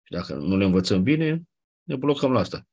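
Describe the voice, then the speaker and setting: A man's voice: fairly low pitch, very animated, darkish tone, breathy edge. A man teaching Ancient Greek grammar in a lecture, explaining step by step and often checking with his students whether they follow. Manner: explanatory, asks 'nu?' and 'da?' to check understanding.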